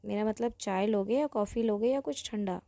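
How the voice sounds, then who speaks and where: A woman voicing a playful, quick-tempered woman who teases in a mock-offended way. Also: mid-range voice, dark tone, no room sound, studio quality, lightly acted. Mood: teasing.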